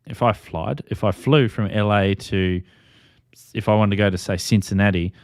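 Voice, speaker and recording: A man with an Australian accent hosts a ham radio livestream, leading an informal, chatty group conversation with a joking manner. His voice is fairly low and steady at a moderate pace, recorded with clean studio sound and no room echo.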